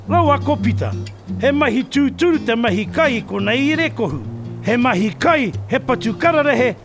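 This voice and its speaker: A man giving scripted narration as a show's voice-over. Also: extremely high pitch. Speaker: show narrator. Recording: voice-over over loud music. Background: music.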